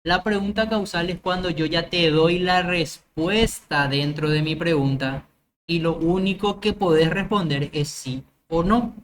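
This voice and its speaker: A woman's voice: on the low side, a little slow, slight background noise. Woman teacher explaining grammar step by step. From Paraguay. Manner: explains step by step with examples, checks understanding. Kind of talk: grammar lecture.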